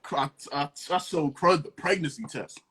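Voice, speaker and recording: A young man, a rapper and producer, telling a casual story with animated energy and acting out the voices of the people in it. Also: fairly high pitch, moderate pace, slightly rough.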